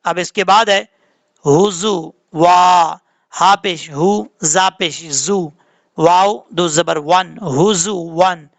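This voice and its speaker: Male tajweed teacher. High, gravelly voice in a dry room. He alternates brisk explanation with slow chanted recitation. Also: a bit bright, no echo. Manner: patient, drawn-out chanted recitation between quick explanations. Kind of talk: tajweed lesson, spelling out letters and reciting slowly.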